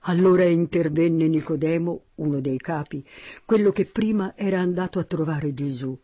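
A man narrating a Bible passage in a steady, slightly husky voice. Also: on the high side, moderate pace, dry recording, lo-fi sound. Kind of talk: Bible reading.

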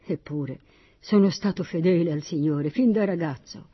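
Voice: mid-range voice, moderate pace, slightly rough, natural voice. A reader voicing a fearful, loyal male royal steward in a read-aloud Bible story, pleading anxiously. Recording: dull lo-fi recording.

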